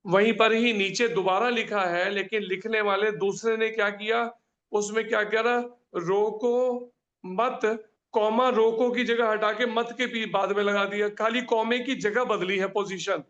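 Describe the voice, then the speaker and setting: A high-voiced man leads a scripture class on a video call, working through each question with everyday examples and short anecdotes. His voice comes through muffled, dull online call audio. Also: steady tone, moderate pace, fairly bright tone. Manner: explains with examples and small stories. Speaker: spiritual teacher.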